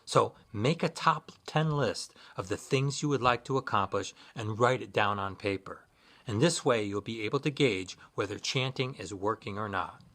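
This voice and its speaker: Earnest man, lowish voice. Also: a bit bright. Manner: sincere, measured, with occasional fillers. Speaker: Buddhist practitioner giving guidance. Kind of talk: earnest scripted instructional talk.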